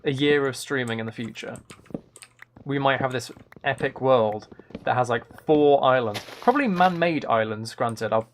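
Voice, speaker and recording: A man with a mid-range voice chats casually on a gameplay livestream at a moderate pace, thinking aloud and rambling eagerly through ideas. Keyboard clicks can be heard clearly in the background.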